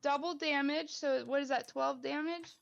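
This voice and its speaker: A woman narrating a tabletop game as game master, relaxed and hesitant. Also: high-pitched, normal speed, creaky, no echo. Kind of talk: running a tabletop game over a call. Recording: dull dry home mic.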